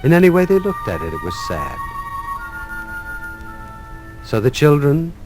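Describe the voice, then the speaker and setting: A man narrating a children's story in a measured storytelling manner. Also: a little high, wildly swooping pitch. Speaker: narrator and teacher. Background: music.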